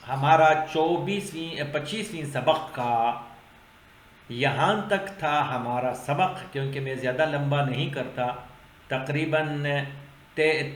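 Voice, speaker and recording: A male Quran teacher spelling out Arabic letters and vowels for learners, repeating syllables slowly and loudly. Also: echoey room, a little hiss or hum. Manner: slow drawn-out repetition of syllables, loud and high when drilling.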